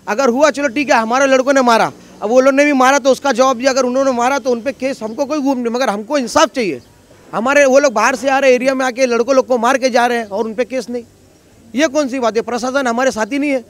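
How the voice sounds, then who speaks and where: A man's voice: very high-pitched, steady tone, fast. A local man in a street interview, talking insistently and with grievance. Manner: aggrieved, insistent. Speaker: local resident.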